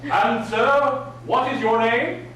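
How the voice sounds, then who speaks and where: A man's voice: very high-pitched, steady tone, slow pace. A man teaching an etiquette class live, speaking with prim, precise enunciation and formal, old-fashioned politeness. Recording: very echoey room, distant mic, faint noise.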